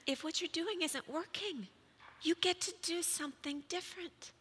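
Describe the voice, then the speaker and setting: A middle-aged woman giving an animated storytelling talk, acting out dialogue and sometimes rising to a shout. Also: very high-pitched, moderate pace, in a large hall, slight background noise. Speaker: speaker.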